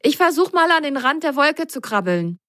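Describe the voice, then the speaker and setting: Bouncy little boy sock, as a lady puts him on, high and excited, lively swoops, storybook. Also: normal speed, dry recording, clean studio sound. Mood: eager. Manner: excited, bubbly. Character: eager excitable young male sock.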